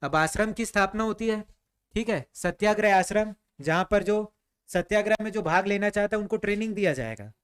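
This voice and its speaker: A man teaches a history class. His voice sits high and sounds clean and smooth. He fires off questions and answers them himself, with a casual, chatty flow. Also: fairly quick, a bit bright. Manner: quizzing students, answering his own questions; conversational, repeats "ठीक है" often.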